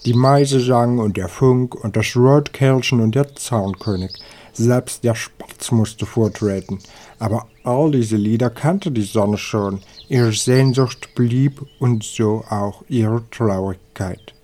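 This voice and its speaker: A man reading a storybook aloud in a slow, calm, measured way. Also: medium pitch, slight background noise.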